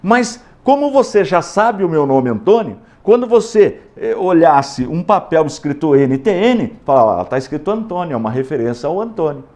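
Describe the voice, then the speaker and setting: A Brazilian man gives a recorded theology lecture in a slightly high voice. His pitch moves a lot as he explains step by step. He repeats words and puts questions to his viewers. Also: very animated, normal speed, few pauses, a little mellow. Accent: Brazilian Portuguese. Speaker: theology teacher.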